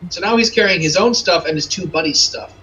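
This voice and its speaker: A man's voice: a little high, brisk, sharp tone, a little hiss or hum, poor audio. A man co-hosting a casual movie commentary, giving dry play-by-play remarks with some stammering. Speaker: co-host.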